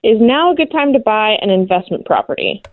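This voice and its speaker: Lively woman caller over the phone. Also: medium pitch, fairly quick. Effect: heard over the phone. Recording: tinny phone line.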